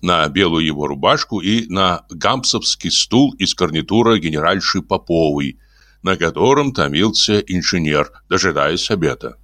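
A man narrating an audiobook in a lively, expressive reading. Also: deep voice, moderate pace, no room sound, clean studio sound. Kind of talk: scripted narration.

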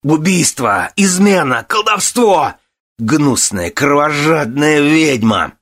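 Man doing a frantic young man, loud, high, raging accusations. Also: sing-song, takes it slowly, heavily acted. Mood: furious shouting. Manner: shouting, frantic. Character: furious young man, grief-stricken, accusing.

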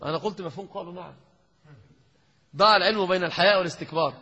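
A man gives a grammar lesson in a lecture hall, his voice bright and a little husky. He keeps quizzing the class and teasing the students. The recording is lo-fi, with a long reverb tail from the hall. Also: high voice, very fast. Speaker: sheikh teaching Arabic grammar.

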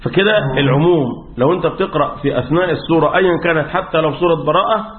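A man teaching Quran recitation rules in Egyptian Arabic, asking questions and answering them himself, often clearing his throat. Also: a little high, very fast, reverberant, slight background noise. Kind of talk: religious lesson on recitation rules. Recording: tinny phone-like audio.

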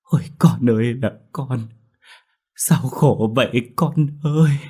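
A man's voice: sits low, brisk, husky. A man voicing a grieving elderly mother who pleads and weeps in a ghost story. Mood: wailing. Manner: tearful, pleading. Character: grieving old mother, wailing.

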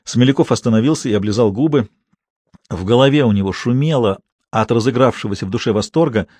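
Husky male audiobook narrator. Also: medium pitch, fast, a little mellow, no room sound. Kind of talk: scripted narration.

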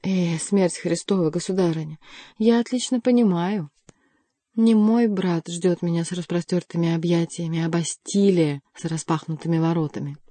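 A woman's voice: on the low side, moderate pace, mellow, no room sound, close to an everyday voice. A woman reading the part of a proud young prince who answers curtly and defiantly. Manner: proud, curt.

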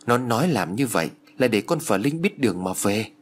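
A man voicing a village woman who guides a visitor and speaks to him in low, confiding tones. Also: sing-song, brisk, a little hiss or hum. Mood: hushed. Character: guiding village woman, hushed and secretive.

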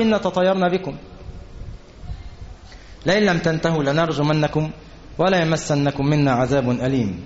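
Fast-talking Egyptian preacher, lo-fi sound. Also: male voice, on the high side. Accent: Egyptian Arabic. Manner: fast, conversational, quotes people and scripture in acted asides. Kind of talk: colloquial sermon. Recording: dull lo-fi recording.

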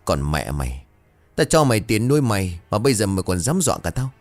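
A man's voice: fairly low pitch, big pitch swings, quick pace, faint music behind. A man voicing a bad-tempered older male landlord who snaps and curses at his servant. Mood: angry scolding. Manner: snapping, scolding and cursing.

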